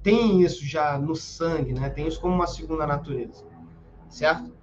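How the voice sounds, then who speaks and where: A man with a Brazilian accent teaching self-defense in a casual, emphatic way, full of slang and quick "right?" checks. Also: a little high, muffled recording, slight background noise. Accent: Brazilian Portuguese. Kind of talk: informal spoken lesson.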